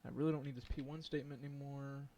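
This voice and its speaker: Over a little hiss or hum, a man talks very fast in a dark, medium-pitched voice with fairly even intonation. He's coding live on stream, musing aloud, full of ums and hesitations, and chatting and laughing with those watching.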